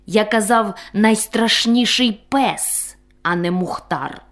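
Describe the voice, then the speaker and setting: A woman voicing a cheeky, bossy male kitten in a storybook tale, with a sharp, scolding manner. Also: mid-range voice, takes it slowly.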